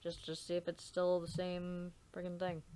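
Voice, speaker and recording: A woman's voice: lowish voice, completely flat delivery, normal speed, warm tone, clean tone. A woman casually chatting while playing a visual novel, blunt and swearing often. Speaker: let's play co-host. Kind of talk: casual gameplay chat.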